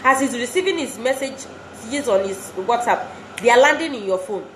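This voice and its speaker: With lively intonation and a voice on the high side, a woman speaks at normal speed to wives, giving an earnest motivational talk where she urges them on and repeats phrases for emphasis. The space sounds roomy and echoey, with faint background noise.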